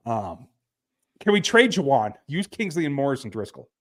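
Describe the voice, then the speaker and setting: A man with a middle-pitched voice talks sports in a loose, blunt way, stopping and restarting with plenty of fillers. He sounds like a podcast host on a remote call. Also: sing-song, moderate pace. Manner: blunt, laid-back, frequent fillers and restarts. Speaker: podcast host reading listener texts. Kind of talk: casual sports talk.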